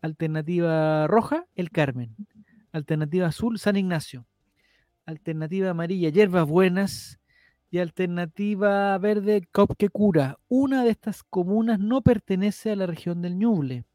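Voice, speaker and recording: Playful high-voiced chilean man hosting trivia. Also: moderate pace, dark tone, no echo. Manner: playful, theatrical quiz-master delivery. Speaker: trivia host. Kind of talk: casual podcast trivia hosting.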